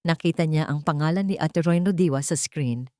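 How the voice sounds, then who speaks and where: Narrating a scripted dramatic story, a Filipino-accented woman speaks at a normal speed in a low, slightly mellow voice. The sound is clean and dry, as in a studio.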